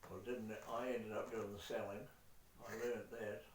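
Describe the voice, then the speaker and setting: An old man with a New Zealand accent spins a rambling yarn, dropping mild curses as he goes. His voice sits low. The recording is echoey and distant, with a faint hiss underneath. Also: little pitch movement, a little slow. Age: older. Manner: salty, peppers speech with mild swearing. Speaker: great-grandfather telling family stories. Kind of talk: rambling casual storytelling. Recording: echoey room, far from the mic, faint noise.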